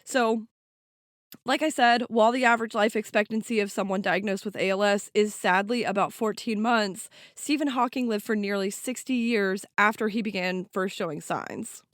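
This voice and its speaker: A woman's voice: mid-range voice, normal speed, no room sound, clean studio sound. A woman co-hosting a podcast, explaining science in a casual, chatty way with some swearing. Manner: casual, swears, laughs often. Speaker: podcast co-host.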